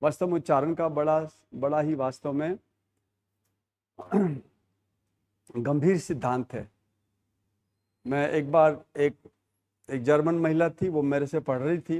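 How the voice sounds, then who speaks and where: A man's voice: on the high side, mellow. A middle-aged man teaching a Hindi grammar class, explaining points and repeating key terms as questions and answers. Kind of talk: classroom lecture.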